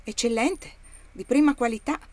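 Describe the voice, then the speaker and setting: A woman's voice: fairly high pitch, moderate pace, darkish tone, voice pushed up, lightly acted. A woman voicing a blunt, greedy male slave trader in an audiobook reading, coaxing and haggling.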